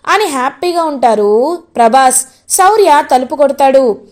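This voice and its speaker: A woman's voice: high voice, unhurried. A woman casually retelling a TV serial episode, switching into the characters' lines as she goes. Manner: animated, jumps into voicing each character's lines. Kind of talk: casual storytelling recap with acted dialogue.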